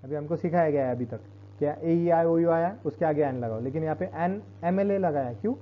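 A man teaching English grammar in a classroom-style lesson, explaining slowly and repeating each point. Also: on the high side. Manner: explains slowly, repeats points, switches between Hindi and Marathi. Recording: dull lo-fi recording.

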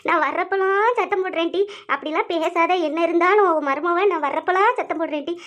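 A shrill old village neighbor woman, bald and nosy, scolding and gossiping, as a woman puts her on. She speaks in a very high, piercing voice for a cartoon. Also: quick pace, a bit bright. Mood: gossipy. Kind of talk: cartoon voice acting.

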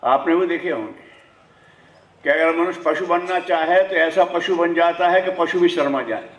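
A man delivers a lively spiritual discourse to an audience in a ceremony hall, posing rhetorical questions and chuckling as he makes his points. His voice is a little high at a normal pace, carried through a microphone and loudspeaker and heard from a distance in an echoey hall.

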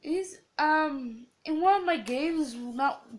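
A woman's voice: high voice, slow. A woman with a cough, casually commentating her gameplay to viewers. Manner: chatty, talks to viewers while playing. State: has a cough. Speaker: gaming channel host.

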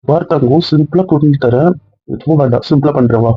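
Young husband in a home couple skit. Rapid, teasing scolding, slightly high voice, dry lo-fi sound. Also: male voice, breathy edge, dry recording. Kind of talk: casual couple banter. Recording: dull, dry lo-fi audio.

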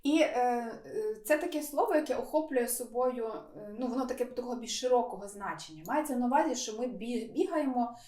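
A woman's voice: a little high, a little fast, hardly any pauses, darkish tone, reverberant, far from the mic. A woman co-hosting a language lesson in a playful, joking way, with hesitant fillers. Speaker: language teacher co-host.

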